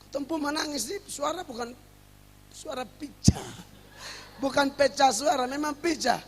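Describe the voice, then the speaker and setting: High-pitched gravelly preacher in a reverberant hall. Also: male voice, moderate pace, a little hiss or hum. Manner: lively preaching with humor and acted quotes. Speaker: pastor. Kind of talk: sermon.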